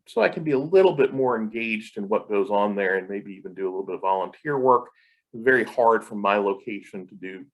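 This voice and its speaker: A man with a somewhat low voice talks to camera from his apartment. He rambles in an unscripted vlog, filling pauses with ums and starting sentences over. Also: rough recording. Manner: rambling, many ums and restarts. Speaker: vlogger. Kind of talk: casual vlog monologue.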